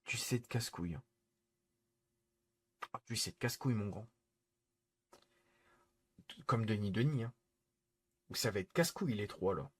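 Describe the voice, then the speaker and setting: Exasperated husky male streamer ranting. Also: on the low side, normal speed, pauses often. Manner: exasperated, repetitive, scolding viewers. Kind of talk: live-stream rant to chat.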